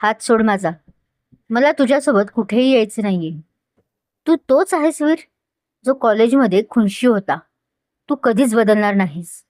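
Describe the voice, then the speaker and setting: A woman's voice: a little high, animated, moderate pace, pauses often, darkish tone, dry recording, studio quality, close to an everyday voice. A woman voicing a hurt, defiant young woman who speaks emotionally and pleadingly.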